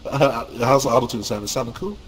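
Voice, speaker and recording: A man's voice: medium pitch, fast talker, slight background noise. A young man joking around with friends while gaming, laid-back in manner. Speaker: gamer. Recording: music playing behind.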